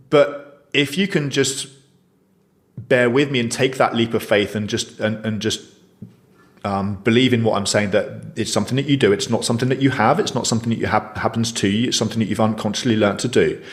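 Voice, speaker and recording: A man's voice: mid-range voice, normal speed. A man in his thirties co-hosting a podcast, talking casually and explaining ideas with many restarts. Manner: thoughtful, explanatory, frequent restarts. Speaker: podcast co-host.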